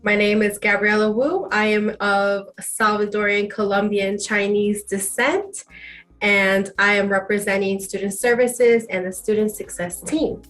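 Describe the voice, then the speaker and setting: A woman from a school's student services team introducing herself calmly and carefully. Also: mid-range voice, measured pace, soft background music. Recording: voice distant from the mic.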